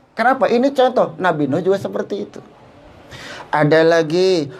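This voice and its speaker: Man, high voice, humorous preacher, talks straight to listeners. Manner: jokey, addresses listeners directly, mixes in Javanese phrases. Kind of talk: humorous religious talk.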